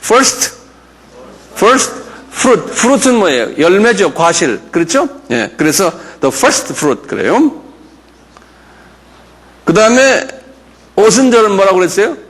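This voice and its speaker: A man's voice: high-pitched, big pitch swings, slow, pauses often. A man, a pastor, giving a Bible lecture and drilling his audience on English words for feast days, with many fillers and check-ins. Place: church or mission center lecture room.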